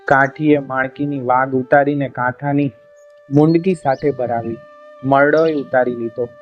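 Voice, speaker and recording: A man reading a folk tale aloud in a steady, dramatic storytelling manner. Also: mid-range voice, a little slow. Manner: steady dramatic storytelling, voicing cries of the characters. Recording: dull lo-fi recording with faint music behind.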